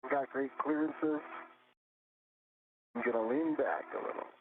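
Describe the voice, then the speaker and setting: A man, an astronaut on a spacewalk, giving calm, clipped procedural callouts over a space-to-ground radio link. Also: mid-range voice, measured pace. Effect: space-to-ground radio transmission. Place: outside a space station. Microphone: spacesuit headset. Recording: tinny radio link with static hiss.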